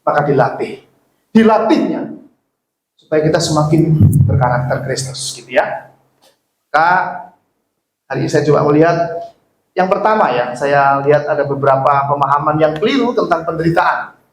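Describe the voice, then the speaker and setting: A man's voice: a little high, animated, moderate pace, long pauses, slight background noise. A man preaching a sermon as pastor, joking and putting questions to his congregation. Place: church hall. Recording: echoey church hall.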